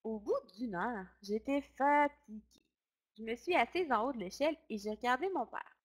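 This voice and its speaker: A woman storyteller reading a children's story aloud. She narrates in the first person and keeps the reading expressive. Her voice sits on the higher side. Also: normal speed, slightly rough.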